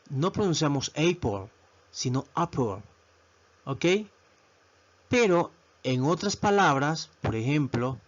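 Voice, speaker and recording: A male teacher gives a video lesson at a very unhurried pace. He repeats each word and keeps checking in with his listeners. His voice sits at an ordinary pitch on a dull, lo-fi recording. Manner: slow, repetitive, asks "¿verdad?" often. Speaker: English teacher.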